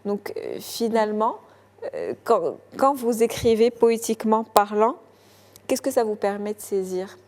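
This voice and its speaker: A woman hosts a television culture show from a studio, formal and courteous. Her voice is mellow and mid-pitched, and her questions slip into brief hesitations. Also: sing-song, unhurried. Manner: formal, polished introductions with some hesitant fillers. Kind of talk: TV interview.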